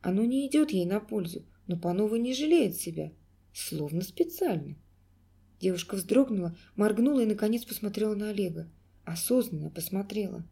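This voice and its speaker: Mellow-voiced woman narrating an audiobook. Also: mid-range voice, gravelly, husky. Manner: measured, expressive reading. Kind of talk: scripted narration.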